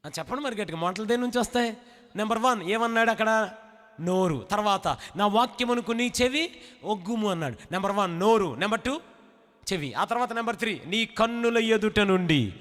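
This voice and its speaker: Male pastor, high voice, emphatic call-and-response sermon, echoey hall. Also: fairly bright tone.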